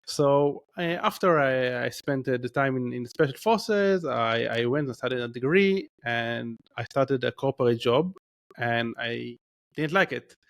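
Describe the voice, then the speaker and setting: Speaking a little slowly in a creaky, medium-pitched voice, a man in his thirties with an Israeli accent tells his story as a podcast guest. The casual interview storytelling wanders, broken up by fillers and frequent restarts.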